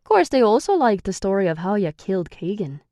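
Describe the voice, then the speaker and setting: A woman narrator plays a gruff young man who guards a captive and is sarcastic and short-tempered with her. She lifts his scolding, pushed lines above her own reading pitch, with big pitch swings and a slightly fast, mellow delivery recorded close and dry. The irritable captor sounds teasing here.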